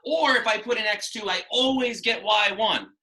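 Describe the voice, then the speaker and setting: Man, thirties, math teacher, bright voice, patient questioning, small home room at a whiteboard. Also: high voice, normal speed, rough recording. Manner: patient, questioning, explains step by step. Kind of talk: online class lesson at a whiteboard.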